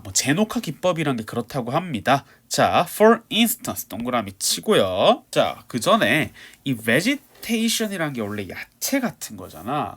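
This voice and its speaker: Animated male English teacher. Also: mid-range voice. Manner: talks students through text, mixing casual and polite speech. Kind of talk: exam-prep lecture.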